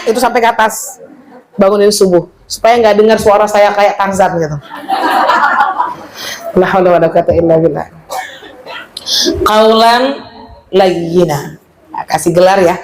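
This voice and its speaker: A woman teacher with a big, powerful voice gives a religious study talk to a group of women. She is loud and playful and slips into the voices of the people she quotes. A faint hiss sits behind her. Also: medium pitch, low-quality recording. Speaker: female Islamic teacher.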